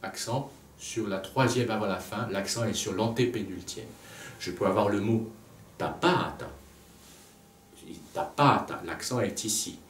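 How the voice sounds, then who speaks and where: A man teaching a music lesson at a blackboard, pausing to think aloud and repeating words to show where the stress falls. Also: on the low side, steady tone. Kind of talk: lecture at a blackboard. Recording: echoey room, voice from a distance, faint background noise.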